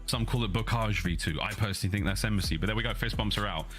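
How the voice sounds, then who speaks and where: A man's voice: lowish voice, a bit bright, faint music behind. Punchy play-by-play esports caster, man. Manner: quick, punchy play-calling. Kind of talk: live esports commentary.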